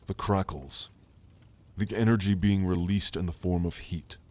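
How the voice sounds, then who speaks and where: Here a low-voiced man takes on the role of a gentle mentor, a calm and learned orc shaman, for an ASMR roleplay, keeping his delivery soothing, formal, and measured.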